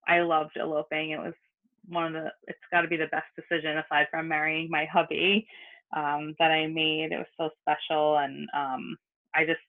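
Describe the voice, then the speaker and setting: A woman's voice: deep voice, little pitch movement, normal speed. Chatty woman on a phone-like line. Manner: chatty, informal, frequent "like". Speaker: podcast guest, wedding photographer. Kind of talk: casual interview chat. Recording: tinny phone-like remote line.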